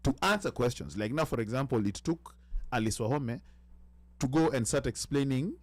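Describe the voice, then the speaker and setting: A man's voice: mid-range voice, lively intonation, normal speed, no echo. A man in a casual panel discussion, explaining at length and restarting often as he searches for words.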